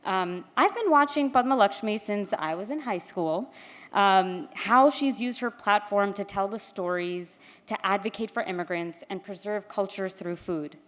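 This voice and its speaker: A woman's voice: medium pitch, a little slow. A woman from Queens gives an informal, candid, self-deprecating podium speech as she introduces an honoree. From Queens, New York. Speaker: gala speaker introducing an honoree. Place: large indoor event hall, public address. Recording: echoey hall with long reverb.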